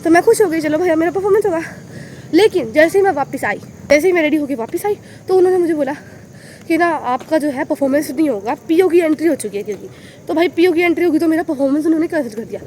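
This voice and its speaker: A young woman from Haryana telling a story in a casual vlog, animated and exclaiming, filmed on a phone held at arm's length outdoors at night. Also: sits high, quick pace, slight background noise. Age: young adult. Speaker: vlogger.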